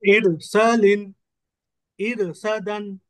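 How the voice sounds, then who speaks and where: A man's voice: high-pitched, steady tone, drawn-out words, low-quality recording. A man reciting practice words for his teacher, carefully and hesitantly, sometimes restarting a word. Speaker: student.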